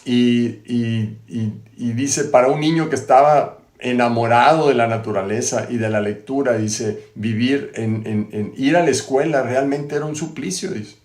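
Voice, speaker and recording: Male host, chatty storyteller with many tag questions, middle pitch, echoey room. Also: normal speed, hardly any pauses, a little mellow. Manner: conversational, frequent tag questions and restarts. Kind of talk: storytelling biography retelling. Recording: roomy echo.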